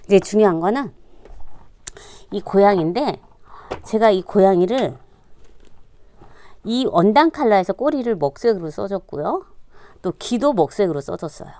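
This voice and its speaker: A middle-aged woman teaching a sewing class, talking casually as she demonstrates each step and dropping to a quiet murmur while she stitches. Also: mid-range voice, no room sound. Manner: demonstrative, repeats "like this" while working. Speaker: sewing instructor. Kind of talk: casual hands-on sewing tutorial. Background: sewing machine running.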